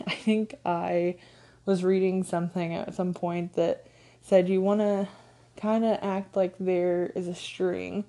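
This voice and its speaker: Woman podcast host, stuffed-up nose, low-ish mellow voice, casual coaching chat full of ums. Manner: conversational, frequent ums, light laughs. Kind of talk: casual solo podcast talk.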